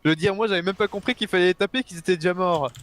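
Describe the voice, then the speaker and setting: A man's voice: high-pitched, racing, a bit bright. A man co-playing a video game, bantering casually with slangy, sweary remarks. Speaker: co-player.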